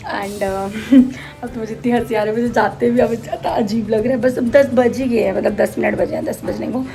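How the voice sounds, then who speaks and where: Woman, casual vlog chat, self-mocking, animated, gravelly voice, handheld phone mic. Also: a little high, moderate pace. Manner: animated, laughing at herself. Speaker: vlogger. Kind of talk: casual vlog chat in Hindi mixed with English. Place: at home getting ready.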